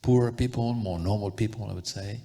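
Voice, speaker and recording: A male panelist with a low, creaky voice thinks aloud in public discussion. His tone is husky, and he often halts and searches for the right word. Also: mellow. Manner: halting, searching for words. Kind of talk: thoughtful spoken answer at public panel.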